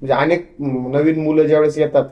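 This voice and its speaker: A man's voice: on the high side, little pitch movement, fast, roomy sound, lo-fi sound. A young man from Maharashtra, a party worker, answering interview questions earnestly, with hesitant restarts.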